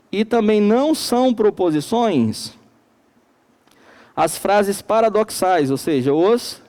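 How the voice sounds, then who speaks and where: In a recorded classroom lecture, a male teacher with a Brazilian Portuguese accent from Manaus speaks slowly and emphatically, pressing on every key word. His voice is high but mellow and soft-edged, and he repeatedly asks the class questions, then answers them himself.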